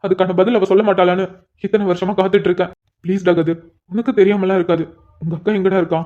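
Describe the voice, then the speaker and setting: A man playing a lovesick cop in a cartoon story, pleading and stumbling over his words. He speaks high and rapid. The recording is dull and lo-fi. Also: level tone, natural voice. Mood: tearful. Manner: pleading, stammering when upset. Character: anxious lovesick police officer, brother-in-law. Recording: dull lo-fi sound.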